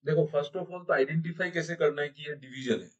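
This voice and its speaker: A young male teacher with a slightly high voice runs an online exam-prep math class. He switches between Hindi and English, explains each step and keeps asking his students questions. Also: fairly quick, muffled recording.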